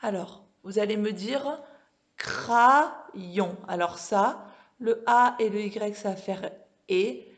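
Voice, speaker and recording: A woman teaching a home-school reading lesson to young children, stretching out sounds slowly and checking in with them often. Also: mid-range voice, a little mellow. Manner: slow, careful, drawn-out pronunciation of sounds; checks in with frequent questions to children. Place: classroom with a board.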